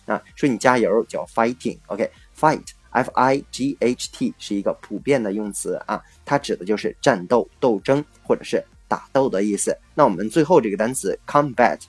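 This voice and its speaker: A man with a somewhat low voice teaching vocabulary, explaining each word and spelling it out letter by letter. He pads his phrases with a soft "啊" and an "OK" between points. The sound is dry and close, with faint music underneath. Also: normal speed, hardly any pauses, breathy edge, no echo. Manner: spells words letter by letter, frequent filler "啊" and "OK".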